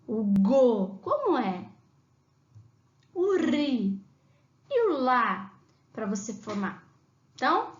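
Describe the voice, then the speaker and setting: A high-voiced woman teacher with a Brazilian Portuguese accent speaks slowly and patiently to small children, sounding out each syllable. The recording is dull and lo-fi, in a room with a lot of echo. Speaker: primary school teacher. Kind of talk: remote class explanation to young children.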